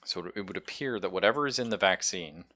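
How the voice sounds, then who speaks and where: A man acts as game master for a horror tabletop roleplaying game, improvising the narration in a halting, suspenseful way. His voice sits low, with a bright, forceful tone.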